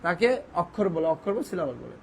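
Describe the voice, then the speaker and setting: A high-pitched man leads a grammar lesson in a classroom teaching style. He stretches words out syllable by syllable, often pausing to pose a question and then answer it himself. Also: very animated, gravelly, a little hiss or hum, poor audio. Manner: drawn-out syllable-by-syllable spelling, asks questions and answers them. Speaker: English teacher.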